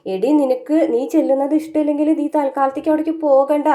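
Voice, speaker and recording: A woman's voice: high voice, little pitch movement, fast, dark tone, pitched above the performer's own voice, lightly acted. A woman voicing a stern elderly grandmother who questions her daughter sharply. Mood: stern questioning.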